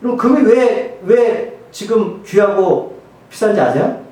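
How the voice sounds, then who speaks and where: A male pastor preaches in a casual, joking way and keeps putting rhetorical questions to his congregation. His voice is high and very lively. It comes from some distance away and rings through a very echoey church hall. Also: takes it slowly. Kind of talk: sermon. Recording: very echoey hall, mic far off.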